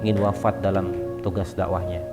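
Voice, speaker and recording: A man's voice: deep voice, flat delivery, fairly quick, over loud music, pitched below the performer's own voice, natural voice. A man voicing a faithful patient wife. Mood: quiet. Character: faithful patient wife, young then old.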